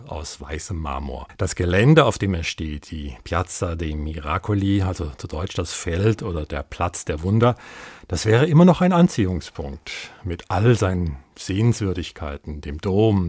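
A man's voice: fairly low pitch, a little mellow, no room sound. A man, an expert colleague interviewed in the studio, explaining things chattily with everyday examples.

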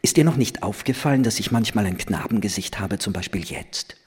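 A man reading a young woman's lines, playful yet grave and commanding, in a slow, serious, quietly insistent way. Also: fairly low pitch, lively intonation, slightly rough. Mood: earnest, commanding.

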